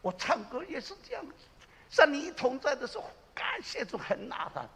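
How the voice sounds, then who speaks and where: A man preaching a sermon as a pastor, impassioned, swinging between loud exclamations and low confiding asides. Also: big pitch swings, moderate pace, vocal fry. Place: church sanctuary. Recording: reverberant church hall.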